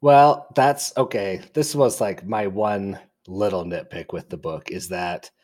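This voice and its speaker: Deep-voiced man chatting animatedly. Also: a little slow. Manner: animated storyteller, acts out characters' lines. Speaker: book club podcast co-host. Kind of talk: casual chat.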